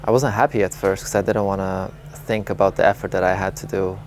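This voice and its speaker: Low gravelly-voiced man from Lebanon. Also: steady tone, fast, a little hiss or hum. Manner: candid, reflective, with small laughs and fillers. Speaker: interviewee, vegan advocate. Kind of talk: relaxed storytelling interview.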